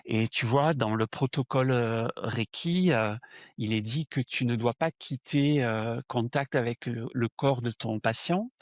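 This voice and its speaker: A man in his sixties from the south of France, with a southern French accent, telling his story to an interviewer in a lively, chatty way full of fillers. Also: measured pace, no room sound. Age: 60s. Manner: animated, addresses the listener with "tu vois", many fillers. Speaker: medium, interview guest. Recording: dull, dry low-fidelity sound.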